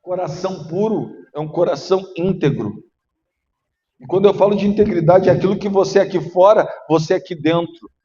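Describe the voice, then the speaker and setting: A male pastor preaching a sermon, emotional and at times rising to shouting. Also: sits high, fairly quick, slight background noise. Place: church. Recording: muffled echoey church hall.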